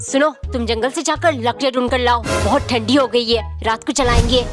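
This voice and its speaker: A woman's voice: on the high side, fairly even intonation, moderate pace, lightly acted. A woman voicing a bossy, stingy middle-aged master who talks in a harsh, scolding way. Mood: commanding. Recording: loud background music.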